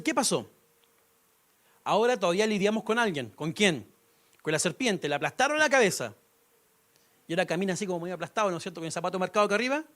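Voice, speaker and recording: High-voiced pastor preaching. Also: male voice, a bit bright. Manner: conversational preaching with humor and rhetorical questions. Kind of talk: sermon.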